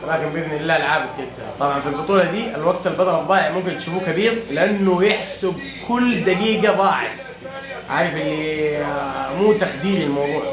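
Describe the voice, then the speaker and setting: A fast-talking man with a high, excitable voice reacts live to a football match. He shouts and cheers and prays aloud between plays. The sound is echoey, as if from a bare room. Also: over music.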